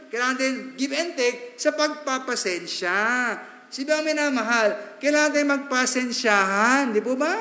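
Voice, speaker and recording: A man preaching in a church, his voice pitched high and bright. He talks in a chatty way, tossing in quick asides and asking the congregation to agree. The sound rings out with a long, echoey reverb from the hall. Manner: preaching in mixed Tagalog and English, chatty asides and tag questions. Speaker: pastor. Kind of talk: sermon. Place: church sanctuary.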